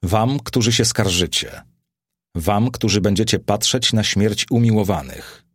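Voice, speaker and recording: A man reading an old apostle, fervent and husky. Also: lowish voice, measured pace, no echo, studio quality. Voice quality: solemn, rising to exalted declamation. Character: aged male apostle, fervent commanding preacher. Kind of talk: audiobook character reading.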